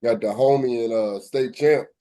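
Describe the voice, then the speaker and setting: Host, man, easygoing slangy interviewer, warm and mellow tone. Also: mid-range voice, steady tone, normal speed. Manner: laid-back, repeats "okay, okay", street slang. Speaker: podcast host. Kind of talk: casual interview.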